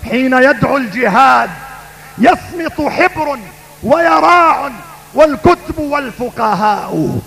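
A man preaching a fiery sermon in a booming, epic, emphatic oratorical style, declaiming lines like heroic poetry. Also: animated, a little slow, gravelly, a bit bright. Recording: long hall reverb.

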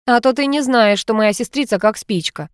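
A woman's voice: a little high, moderate pace, clear, resonant tone, no echo, clean studio sound, voice pushed up, lightly acted. A woman voicing a brash, sarcastic young man who makes demands and mocks people, read as part of an audiobook. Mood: mocking.

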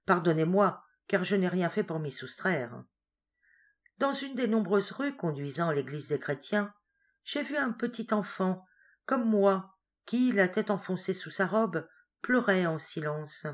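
A frail, gentle boy, read by a woman, speaks faintly and humbly. The storybook reading keeps a low, soft tone. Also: lively intonation, unhurried. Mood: humble. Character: weak, gentle dying boy Ahmed.

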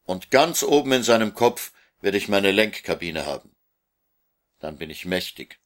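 A man's voice: fairly low pitch, lively intonation, moderate pace, lightly acted. A man voicing a lonely orphan boy in a storybook reading, insistent and guarded. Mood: stubborn. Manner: insistent, repeating his demands.

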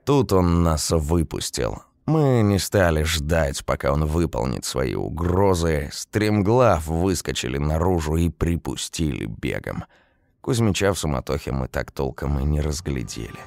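A man narrating a story in an even, unhurried reading. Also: very deep voice, vocal fry, no echo. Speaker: audiobook narrator. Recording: dry close recording.

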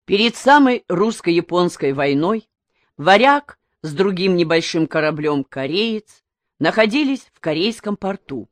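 A woman's voice: on the low side, animated, a little slow, dry recording. A woman voicing an eager, bookish teenage boy who retells a story he read.

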